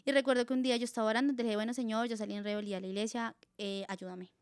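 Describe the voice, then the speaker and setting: A young Colombian woman with a somewhat high, smooth and clear voice recounts her faith testimony as a guest. She tells it in a casual, animated way, acting out her own past words. The sound is dry and close. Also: racing, dry recording. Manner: animated storytelling, acting out her own dialogue, many fillers.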